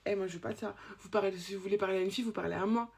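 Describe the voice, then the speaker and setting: A woman performing a point-of-view comedy sketch as a chatty young school supervisor, teasing and gossiping with pupils, swinging between loud scolding and soft confiding asides. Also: mid-range voice, fairly even intonation, rapid-fire, gravelly, husky.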